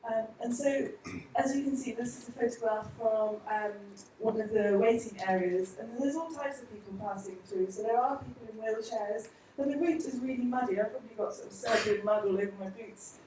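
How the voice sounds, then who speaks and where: A woman's voice: fairly high pitch, brisk, warm tone, slight background noise. A woman from an aid agency giving an earnest conference presentation full of rhetorical questions, recorded from far off in a large hall.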